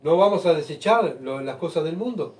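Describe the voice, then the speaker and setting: Pastor preaching, heard from afar. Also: male voice, a little high, animated, moderate pace. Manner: rhetorical questions, keeps asking the congregation "¿verdad?"; swings between soft asides and loud emphatic bursts. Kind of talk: sermon. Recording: voice picked up from far off.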